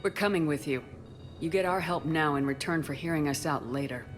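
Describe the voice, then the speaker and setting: A woman's voice: low voice, a little fast, music in the background, close to an everyday voice. A woman playing a tough, direct military commander in a video game, with a terse, confident delivery. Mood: decisive.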